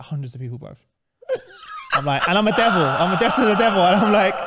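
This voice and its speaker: A higher-pitched man with a London roadman accent chats casually, spinning out a story in thick street slang. His delivery is animated and sweary, like someone talking to a mate. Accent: London roadman, urban slang.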